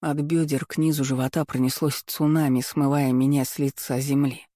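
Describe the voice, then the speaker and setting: A man reading a first-person romance novel aloud in a calm, even, unhurried way. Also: medium pitch, no room sound, studio quality. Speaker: audiobook narrator.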